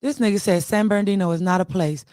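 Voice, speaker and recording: A woman's voice: medium pitch, fast, darkish tone, dry recording, clean studio sound. A young woman from Los Angeles with a Los Angeles accent, hosting an online audio room with blunt, profane, mocking commentary. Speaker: host. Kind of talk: heated casual commentary.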